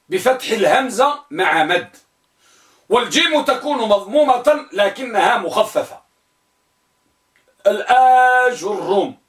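A man teaching an Arabic grammar lesson. He quizzes his students and spells each word form out slowly, repeating it. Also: sits high, fairly bright tone, echoey room, distant mic. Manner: asks the students questions and answers them himself.

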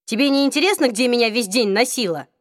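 A woman's voice: on the high side, fast talker, dry recording, clean studio sound, close to an everyday voice. A woman voicing a tense young man, speaking with urgency in an audiobook reading. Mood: urgent.

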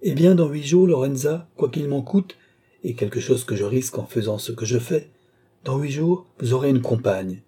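A mysterious man keeps his captive in line with calm, sorrowful persuasion, played by the reader himself. His tone is very dark and mellow, roughened by a husky edge. The storybook delivery stays gentle but never yields. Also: medium pitch, normal speed. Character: man, a mysterious captor, sad and insistent.

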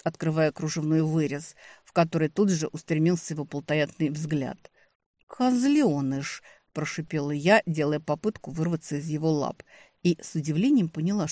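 A woman narrating a fantasy audiobook in the first person, in a steady storytelling manner. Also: sits low, no room sound.

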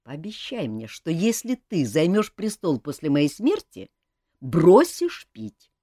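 A woman's voice: on the low side, big pitch swings, takes it slowly, dark tone, no echo, clean studio sound, heavily acted. A woman reading an audiobook, voicing a sardonic young king who needles his cousin dryly and insistently.

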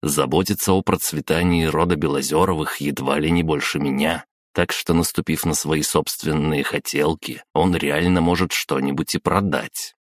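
A male narrator reading an audiobook in the first person, steady and measured. His voice is very low and deep. The recording is close and completely dry. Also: no echo.

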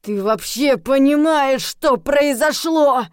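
A woman's voice: mid-range voice, darkish tone, no echo, clean studio sound. A woman reading an audiobook voices a furious, growling young male werewolf who drags out his words. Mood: growling angry. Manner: growling, drawn-out slow delivery.

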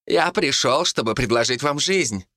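A man's voice: mid-range voice, expressive, moderate pace, bright, forceful tone, no echo, studio quality, voice pushed up. A man putting on a shrieking villainous monk. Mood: ranting. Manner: shrieking, menacing, then sugary. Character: ranting scheming male monk villain.

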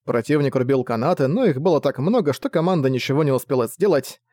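A man reading a novel aloud as narrator, in a steady, measured way. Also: medium pitch, no room sound, studio quality.

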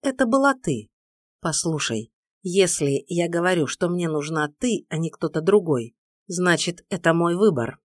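A woman voicing a powerful male mage who speaks calmly with a steely, challenging edge. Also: lowish voice, measured pace, no room sound, studio quality.

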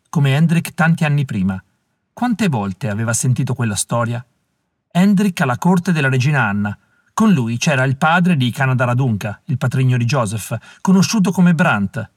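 A man narrating a novel aloud in a measured, calm reading voice. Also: mid-range voice, no room sound, clean studio sound. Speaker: audiobook reader. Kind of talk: scripted narration.

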